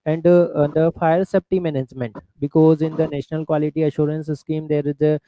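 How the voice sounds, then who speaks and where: A man with an Indian accent, an interviewer coaching a candidate with halting, instructive feedback. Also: on the high side, level tone, mellow, no echo, rough recording.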